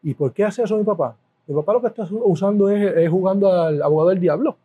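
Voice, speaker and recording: Soft and mellow but a touch high, this Puerto Rican man's voice carries a slightly rough, lo-fi sound as he talks fast. He's a middle-aged food business owner guesting on a casual interview, spinning animated stories, repeating words for emphasis, and laughing at times.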